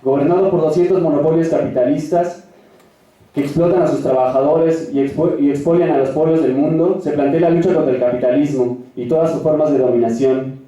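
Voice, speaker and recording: A man's voice: a little high, steady tone, brisk, dark tone. A young man delivering a formal, declamatory political speech as a youth activist at a rally. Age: young adult. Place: large echoing hall at a rally. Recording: echoey hall, distant mic, dull sound.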